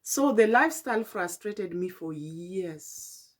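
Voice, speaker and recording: A middle-aged woman with a Kenyan accent talks late at night, tired and yawning. Her voice sits a little low. She speaks slowly and reflectively, stopping and restarting often with "uh". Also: lively intonation. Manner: halting and reflective, with many fillers and restarts. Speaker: vlogger. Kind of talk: late-night personal vlog.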